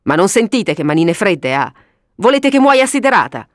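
A woman voicing a sensible, kindly middle-aged father who talks briskly and gives orders in a read-aloud story. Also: medium pitch, big pitch swings, no echo, studio quality, lightly acted. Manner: brisk, commonsense, bossy.

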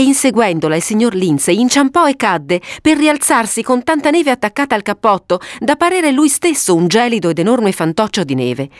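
A woman narrating a children's story aloud in an expressive reading voice. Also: mid-range voice, dry recording, clean studio sound.

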